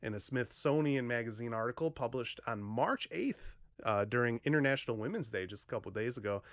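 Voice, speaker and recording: A man in his thirties reacts to a news story in a home vlog, talking chattily with lots of "uh" fillers and animated hand gestures. He speaks fairly quickly in a mid-range voice into a studio condenser mic on a stand in front of him in a small room, and the recording has no room sound.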